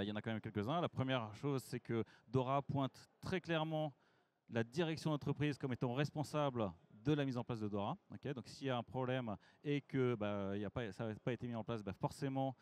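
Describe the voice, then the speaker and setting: Informal man presenting to an audience. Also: medium pitch. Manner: lively, informal, addresses the audience with questions. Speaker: technical director presenting. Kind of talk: conference masterclass presentation.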